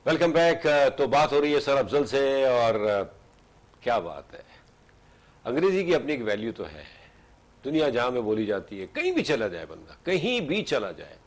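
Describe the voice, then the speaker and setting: A man's voice: mid-range voice, sing-song, normal speed, soft background music. A man from Pakistan hosting a studio talk show, asking questions and mixing English phrases into his talk. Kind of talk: studio interview.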